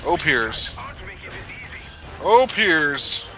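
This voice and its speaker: A man's voice: a little high, sing-song, extremely slow, over music. A man co-hosting a let's play, chatting casually and laughing often as he plays. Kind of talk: casual gameplay chat.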